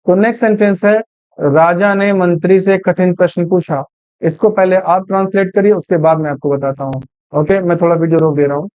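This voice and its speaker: A man's voice: high-pitched, fairly even intonation, fairly quick, a little mellow, clear, resonant tone, dry recording, muffled recording. A man teaching English sentence translation, patiently asking and answering his own questions step by step. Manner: patient, repeats questions to students. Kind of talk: Hindi-language grammar lesson.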